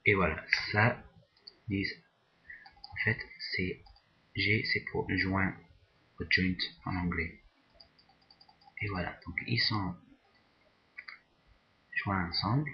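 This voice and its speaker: Slow deep-voiced man explaining software. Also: steady tone, dull audio. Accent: non-native English pronunciation. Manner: slow, hesitant, repeats words while working. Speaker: software tutorial instructor. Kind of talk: screen-recorded software tutorial.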